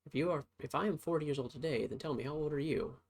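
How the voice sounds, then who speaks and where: A man's voice: on the high side, quick pace, creaky, darkish tone. A man giving casual let's-play commentary, playful and thinking aloud as he works through puzzles. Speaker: game streamer.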